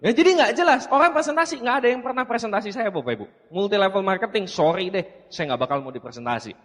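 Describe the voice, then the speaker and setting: A man's voice: sits high, fast talker. A man giving a motivational seminar talk, telling his story and acting out the dialogue while addressing the audience. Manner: animated, acts out dialogue, keeps addressing the audience. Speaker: seminar speaker. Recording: reverberant hall.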